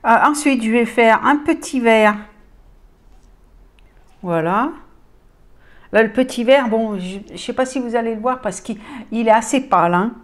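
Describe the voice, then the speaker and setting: A woman's voice: a little high, measured pace, long pauses. A woman casually showing makeup palettes on her channel, hesitant with many fillers and enthusiastic about the colors. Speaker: beauty vlogger. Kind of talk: casual product haul chat.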